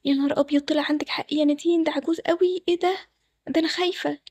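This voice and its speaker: Nervous loyal friend, voiced by a woman, Egyptian, high, quick talker. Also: steady tone, darkish tone, no echo. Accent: Egyptian Arabic. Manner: hesitant, worried questions.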